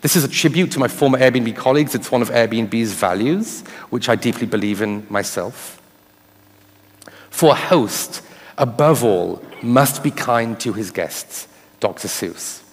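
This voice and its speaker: On stage in a large hall, a man gives a live conference talk in a medium-pitched, unhurried voice, often posing rhetorical questions to the audience. The recording carries the hall's reverb and audience sound.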